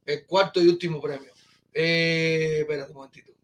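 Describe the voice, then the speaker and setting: A man hosting a casual live-stream chat, excitable and exclaiming, often repeating his phrases. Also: fairly high pitch, moderate pace. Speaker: podcast host.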